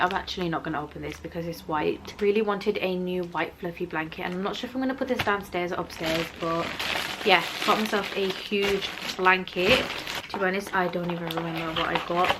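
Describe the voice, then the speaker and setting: Bubbly British woman, lower-pitched, noisy recording. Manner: bubbly, gushing, emphatic excitement. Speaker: haul vlogger. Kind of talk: casual chat to viewers.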